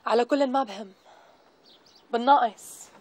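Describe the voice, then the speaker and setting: An actress with a Syrian accent playing a young wife, hurt and tearful, in a TV drama. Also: female voice, a little high, normal speed, lightly acted. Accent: Syrian Arabic. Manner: tearful, wounded.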